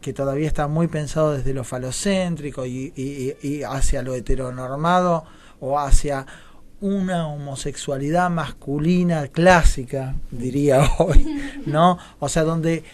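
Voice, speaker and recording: His voice a little high and his pace a little slow, the Rioplatense-accented Argentine theatre director reflects and digresses as a guest on radio. He regularly checks in with his listener through tag questions.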